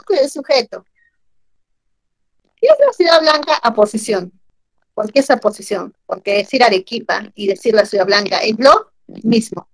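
A woman teaching grammar in an online class, animated and asking her students questions often. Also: a little high, no echo, low-quality recording.

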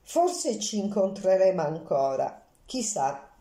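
A woman's voice: medium pitch, very animated, slow, mellow, reverberant. A woman doing a cool, elegant countess. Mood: coolly amused. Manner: light, polite, detached.

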